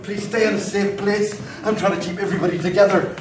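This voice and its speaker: A man's voice: sits high, little pitch movement, quick pace, close to an everyday voice. A man playing a fireman who coaxes and reassures trapped survivors in an amateur audio drama, often repeating himself. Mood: urgent, coaxing. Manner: soothing and urgent, repeats his coaxing. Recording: roomy, distant mic, ambient noise.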